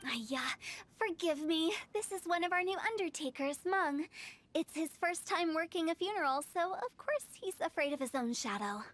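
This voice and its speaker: A woman's voice: very high voice, expressive, moderate pace, a bit bright. An actress voicing Hu Tao, a young female funeral parlor director who teases playfully and jokes breezily about death, in a game cutscene. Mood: amused.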